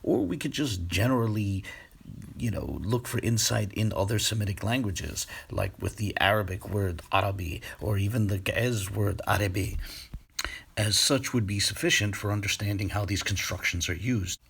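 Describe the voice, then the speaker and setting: Low, gravelly man explaining scripture. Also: a bit bright, a little hiss or hum. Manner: measured, scholarly, walks through sources on screen. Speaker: video essayist on biblical words. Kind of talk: screen-share explanation.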